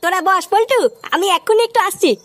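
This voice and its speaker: A woman voicing many characters in a crude, rowdy comedy cartoon, trading insults in quick banter. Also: extremely high pitch, a little hiss or hum. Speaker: cartoon voice artist.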